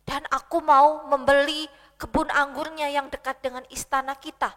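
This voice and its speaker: A woman's voice: high voice, level tone, moderate pace, a bit bright. A woman putting on a sulking, petulant king. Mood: complaining. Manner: whiny, petulant complaining. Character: sulking angry male king. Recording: long hall reverb.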